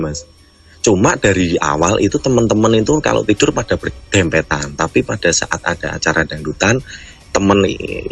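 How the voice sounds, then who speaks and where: A man's voice: fairly low pitch, breathy edge. A man calling in to a radio show, rambling through a ghost story and often addressing the host as "Mas". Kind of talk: casual storytelling on a radio call.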